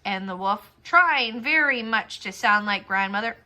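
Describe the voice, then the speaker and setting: In a mid-range voice, a female narrator tells a children's fairy tale for a puppet show, her delivery deliberate and full of expression.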